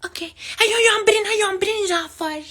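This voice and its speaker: A man's voice: very high voice, racing, bright, forceful tone. A man doing a woman's voice as a coy, coaxing young woman on a prank call, with a Levantine Arabic accent. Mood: soothing.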